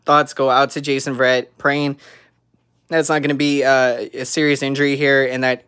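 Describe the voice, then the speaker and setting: Bright-voiced man giving a game recap. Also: mid-range voice, flat delivery, moderate pace, clear, resonant tone, no room sound, studio quality. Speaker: sports fan vlogger. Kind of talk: post-game recap to camera. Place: small room at home. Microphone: phone at arm's length.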